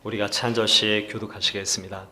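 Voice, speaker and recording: A male pastor preaching a sermon in a measured, earnest way, putting rhetorical questions to the congregation. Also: lowish voice, level tone, sharp tone. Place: church sanctuary. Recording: echoey church hall.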